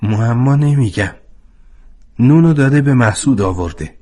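A man's voice: medium pitch, expressive, a little mellow, pitched above the performer's own voice, natural voice. A man voicing a worried, weary middle-aged mother who answers in short, reluctant replies in a storybook reading.

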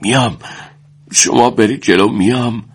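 Wounded young soldier, stubborn, breathless, higher and tighter than the narrator, voiced by a male reader. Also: husky. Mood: strained, pleading. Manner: strained, insisting despite pain.

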